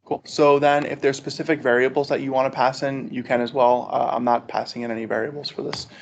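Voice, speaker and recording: Speaking quickly with vocal fry and little pitch movement, a medium-voiced man leads a conversational technical walkthrough for a study group, peppering it with "right?". It's a meetup plus video call, captured in dull, noisy lo-fi sound.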